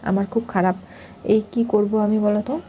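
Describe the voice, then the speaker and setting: Timid guilty young woman, read by a woman, pleading, mellow dark voice. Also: mid-range voice, fairly even intonation, moderate pace, slight background noise, natural voice. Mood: anxious.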